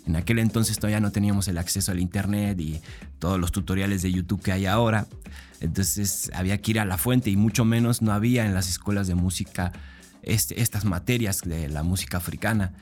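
A middle-aged man, born in Argentina and raised in Mexico, telling his story as a musician guest in a radio interview, relaxed and a bit hesitant. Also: low-pitched, fairly quick, faint music behind. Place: radio booth. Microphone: studio microphone.

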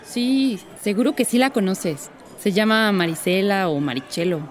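A woman's voice: medium pitch, lively intonation, normal speed, natural voice. A woman playing a hesitant, gossiping teenage girl. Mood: gossipy. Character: gossiping teenage schoolgirl, unsure.

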